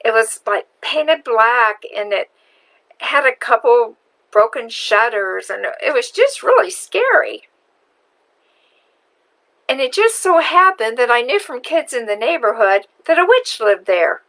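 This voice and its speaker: A woman with a high, bright voice telling a childhood story in an online video. She takes her time and lingers over each phrase. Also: lively intonation, rough recording. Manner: slow, deliberate storyteller. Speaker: marketing video host. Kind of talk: storytelling vlog.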